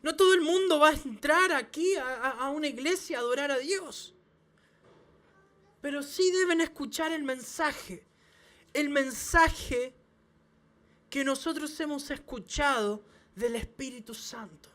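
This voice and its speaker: A man, a pastor, preaching a sermon to his church with emphatic repeated phrases and quick restarts. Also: very high voice, a bit bright. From Chile. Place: church service.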